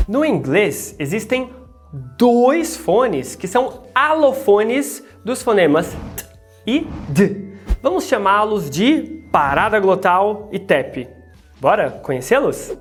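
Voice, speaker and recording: A Brazilian woman with a Brazilian Portuguese accent, teaching pronunciation in a playful video lesson full of jokey asides and repeated drills. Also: medium pitch.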